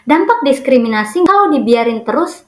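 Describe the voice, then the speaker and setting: Chatty woman podcast host, higher voice. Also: very animated, brisk, echoey room. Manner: chatty, addresses listeners directly with rhetorical questions. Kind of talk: casual scripted podcast narration.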